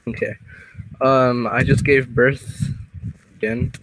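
A man's voice: medium pitch, little pitch movement, slow pace, a bit bright, no echo, rough recording. A man joking around and firing back comebacks while playing a game. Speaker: gaming partner. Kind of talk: casual gaming chat.

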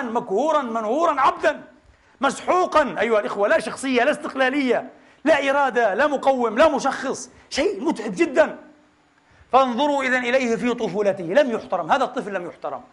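A middle-aged man preaching a Friday sermon, impassioned and rhetorical, calling out to the congregation as brothers. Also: very high voice.

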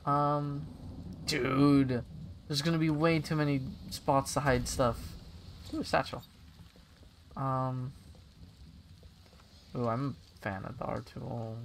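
A young man with a gravelly, fried edge to his voice, commentating his game at an unhurried pace. He is excitable and giggly, thinking out loud between bursts of delight, with faint hiss behind. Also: mid-range voice. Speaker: streamer. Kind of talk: casual gameplay commentary.

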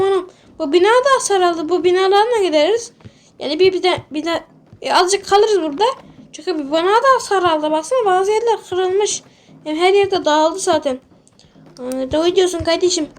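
A woman role-playing panicky, excitable commentary over a sandbox game. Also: extremely high pitch. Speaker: gaming video creator.

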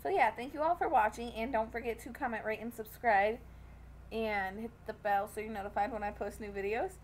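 A young woman's fairly high voice holds a steady tone and moves a little fast as she casually commentates a game and chats to its characters. A gaming video creator, she is pregnant and feeling hot. There's a slight hiss or hum.

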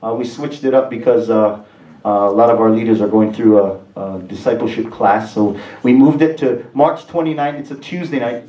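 A man's voice: medium pitch, moderate pace, mellow. A middle-aged man with a Hawaiian Pidgin-tinged accent, a pastor giving church announcements in a chatty, upbeat way with laughing asides. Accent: Hawaiian Pidgin-tinged English. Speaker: pastor and worship leader. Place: stage of a large movie theater used as a church. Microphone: handheld mic on a stand, far camera. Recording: roomy theater sound from far off.

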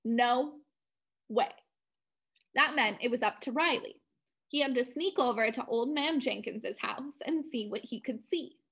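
Storybook narrator: a woman, a bit high-voiced, reading expressively to kids. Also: normal speed, fairly bright tone, husky, poor audio. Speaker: children's story reader. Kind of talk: storybook read-aloud.

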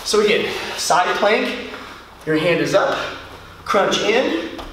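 A middle-aged man, a martial arts instructor, leads a workout class at an unhurried pace and counts the reps aloud while exercising. His fairly high voice comes from a distant camera in a large, bare, very echoey studio. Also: lively intonation, fairly bright tone, slight background noise. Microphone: far camera.

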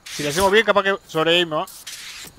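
This game streamer, a young Argentine man, has a high-sitting, brisk voice with a bright, forceful tone over slight background noise. He addresses viewers directly in chatty live commentary, swearing and yelping when fights turn against him.

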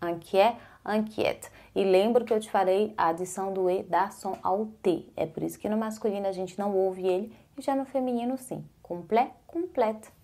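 A woman teaching a casual online French lesson, slowly repeating words for the viewer and encouraging them to practice along. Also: mid-range voice, dark tone. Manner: slow careful pronunciation drills, repeating words.

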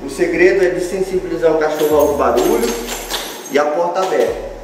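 In a big, strongly reverberant room, a man with a Brazilian accent talks through a dog-training lesson at some distance from the mic. His voice sits on the higher side, and he explains each step informally, repeating phrases to stress them. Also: a little fast. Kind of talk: informal instructional demonstration. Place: large bare tiled room indoors. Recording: very echoey room, distant mic, background music.

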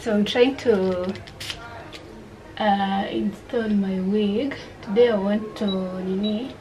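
In a small home room, a young adult woman vlogs casually to camera, her Kenyan-accented English sprinkled with Swahili. She speaks slowly in a medium pitch with fairly even intonation, and there's background noise.

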